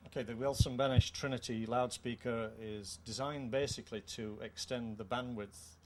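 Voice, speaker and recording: During an interview at an indoor trade show, a middle-aged British co-founder presents his product, explaining the technical details formally and at a measured pace. He speaks at medium pitch in a steady, slightly mellow tone. A handheld microphone is used, and show-room ambience and background noise are clearly audible.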